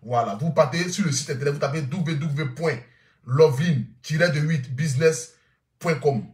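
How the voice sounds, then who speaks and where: A man, hosting a live stream and pitching sponsor products in an insistent way, slowly repeating phone numbers. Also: a little mellow. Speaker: live stream host reading sponsor ads. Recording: roomy echo.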